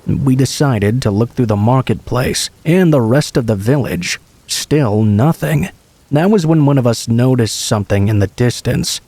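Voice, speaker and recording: A man reading true scary stories aloud in the first person, in an even storytelling way. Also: medium pitch. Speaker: horror story narrator.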